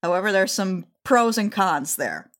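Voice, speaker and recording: A woman's voice: sing-song, normal speed, fairly bright tone. Woman voicing a weary starship captain. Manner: tired, low-key, resigned. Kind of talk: tabletop role-play character voice.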